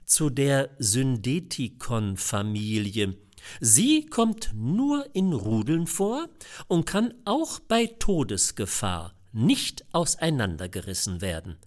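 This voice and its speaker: A man voicing a calm tour guide who explains his exhibits like a showman. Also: mid-range voice, takes it slowly. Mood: explaining.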